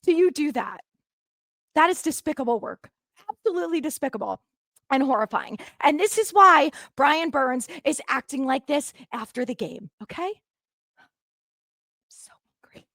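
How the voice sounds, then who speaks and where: A woman with a strikingly high voice rants through a solo sports recap, swearing freely and sounding fed up. Her voice is recorded close and dry, with no room sound behind it. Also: animated, normal speed, fairly bright tone, no echo. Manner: heated, swearing, exasperated ranting. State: angry. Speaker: sports podcast host.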